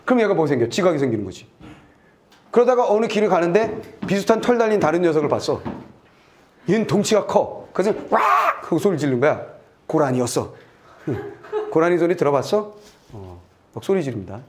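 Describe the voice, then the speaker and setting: A middle-aged man lecturing on a test passage in a lively, playful way. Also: a little high, brisk, pauses often, noisy background. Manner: lively, playful, acts out little scenes and sound effects. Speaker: Korean literature tutor. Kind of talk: lecture with acted examples.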